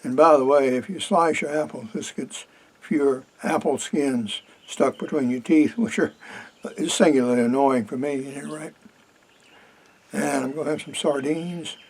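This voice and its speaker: An older man vlogging quietly from a duck blind while turkey hunting, in a rambling, folksy way. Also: a little high, fairly even intonation, normal speed, slight background noise, low-quality recording. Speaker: hunter vlogger. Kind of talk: casual outdoor vlog.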